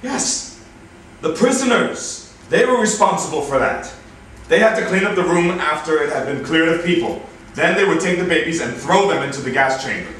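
A man reads the part of an evasive, defensive Nazi work-detail leader being interrogated, seated at a table in a meeting room for a staged reading. He sounds on the high side, animated and fairly bright at a moderate pace, with a distant camera mic capturing heavy echo and hiss.

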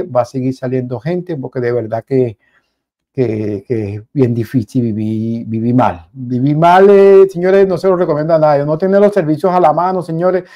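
Animated Venezuelan man commenting on news. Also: on the high side, highs cut off. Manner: animated, repetitive, addresses viewers as "señores". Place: small indoor home studio. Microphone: headset.

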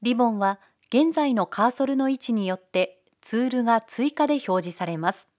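A woman giving calm, polite, step-by-step narration for a software tutorial. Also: fairly high pitch, normal speed. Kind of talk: scripted screencast narration.

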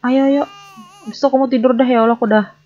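A woman's voice: high-pitched, fairly even intonation, quick pace, a little mellow, dull audio. A young woman chatting casually over her gameplay, often flustered and talking to the characters on screen. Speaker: gaming YouTuber.

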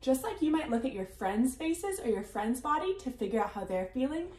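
A woman teaching first graders in a recorded reading lesson, speaking clearly and encouragingly. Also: sits high, big pitch swings, a little fast, darkish tone, echoey room.

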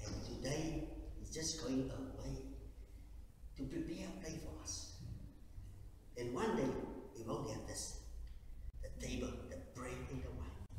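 In a big church hall full of echo, a lay preacher from South Africa speaks at communion, his fervour rising to loud peaks before sinking into quiet, low passages. He halts often, repeating words and starting over, captured from a distance with faint hiss.

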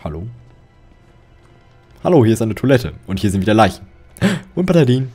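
A man's voice: fairly low pitch, sing-song, a little fast, dark tone, husky, soft background music. A young man commentating a horror game, jittery and rambling, joking and yelping when startled. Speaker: let's play commentator.

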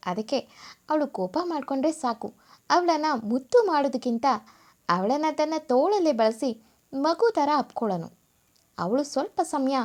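A woman storyteller reading a serial story aloud in an even, scripted narration. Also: sits high.

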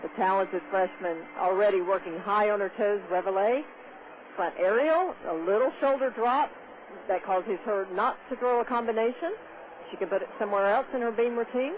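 High-voiced male radio analyst, technical and measured, dull noisy broadcast sound. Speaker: color analyst. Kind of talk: live radio sports commentary.

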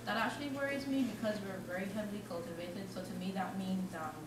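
A woman's voice: medium pitch, steady tone, quick pace. A woman from Barbados with a Barbadian accent, asking a detailed question from the audience. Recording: echoey room, distant from mic, noisy.

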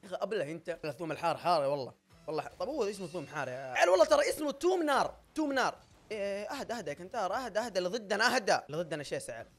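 A young man giving loud, excitable gameplay commentary, often shouting and laughing at his own plays. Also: high-pitched, rapid-fire. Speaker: gaming YouTuber.

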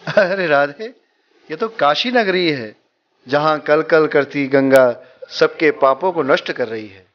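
A man playing a gentle Krishna, lo-fi. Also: a little high, slow pace. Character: god Krishna, gentle and wondering. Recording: dull lo-fi sound.

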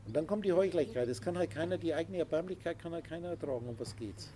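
With a warm tone, a slightly high pitch and a quick pace, a man teaches a small group as their spiritual guide. Faint noise lingers in the background while he lectures emphatically and insistently, using sound effects.

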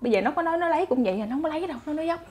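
A woman with a Southern Vietnamese accent, chatty and animated, telling folk stories to her listeners as a channel host. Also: sits high, rapid-fire. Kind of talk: casual folk storytelling.

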